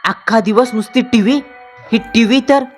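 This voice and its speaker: A woman's voice: a little high, normal speed, faint music behind, natural voice. A woman voicing a raging possessed husband. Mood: furious. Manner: harsh shouting, scolding.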